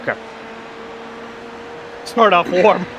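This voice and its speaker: Calm race-engineer man, slightly high voice. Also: slow pace, dull audio, slight background noise. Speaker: streamer and team manager in a sim race. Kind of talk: casual team chat over voice comms.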